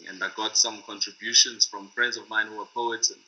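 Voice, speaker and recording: Low, forceful man, lo-fi. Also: flat delivery, brisk. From South Africa. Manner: thoughtful, hesitant, searching for words. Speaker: music producer and singer. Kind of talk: reflective talk to camera. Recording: dull lo-fi recording.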